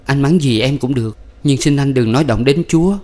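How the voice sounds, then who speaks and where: A man doing a gentle, pious young wife. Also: brisk, lightly acted. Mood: pleading. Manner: soft, pleading, higher voice.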